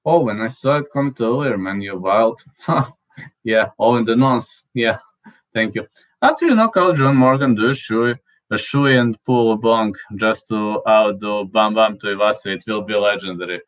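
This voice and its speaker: Reading out viewer comments in a relaxed chat, this native Serbian-speaking channel host stumbles along with fillers and restarts, spelling out words he can't manage to say. His voice sits on the low side, and the recording quality is poor.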